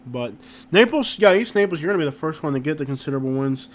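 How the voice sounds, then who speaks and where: A man hosting a casual live stream, talking in an informal, slangy and halting way and often repeating himself. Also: on the high side, animated, slight background noise. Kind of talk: casual live stream chat, reacting to viewers. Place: inside a rented house.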